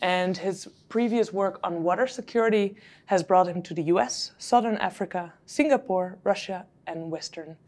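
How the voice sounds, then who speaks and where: A woman's voice: lowish voice, normal speed. Female host, casual and hesitant, introducing a speaker at a symposium. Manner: relaxed, hesitant with uhs.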